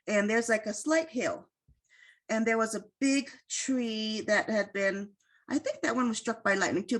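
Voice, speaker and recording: A middle-aged woman guest speaker telling a story in a casual, chatty way on an online call, with many fillers and quoted asides. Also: mid-range voice. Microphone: online video call.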